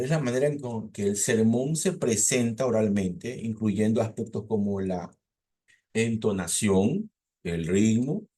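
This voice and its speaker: A man teaching a seminary preaching class, explaining points in a relaxed lecture with fillers and rhetorical questions. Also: lowish voice. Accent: Latin American Spanish.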